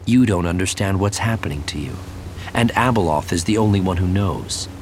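A man reading the lines of a calm, shrewd male Jedi master in a cool, measured way. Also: low voice, a little hiss or hum, lightly acted.

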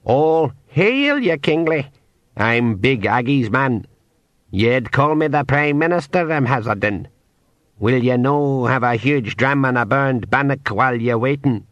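A man voicing an old, bearded male pixie who leans on two sticks, with a cracked Scottish voice and slow, wheedling delivery. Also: medium pitch, expressive, no echo, highs cut off, close to an everyday voice. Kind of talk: audiobook character voice.

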